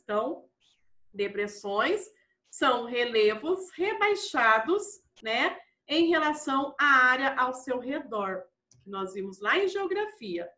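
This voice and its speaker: A woman's voice: sits high, sing-song, slow pace, bright, forceful tone, echoey room. A woman teaching a primary school class, patiently walking through exercises and often checking in with the children. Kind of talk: classroom lesson walkthrough.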